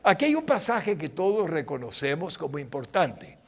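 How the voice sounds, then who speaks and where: An older man preaching as a pastor, acting out short dialogues and swinging between loud exclamations and hushed lines. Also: fairly high pitch, very animated, normal speed, gravelly, breathy edge. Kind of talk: sermon.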